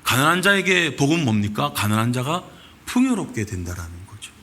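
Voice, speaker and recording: A male pastor preaching a sermon in animated storytelling, acting out quoted lines. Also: medium pitch, brisk. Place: church sanctuary.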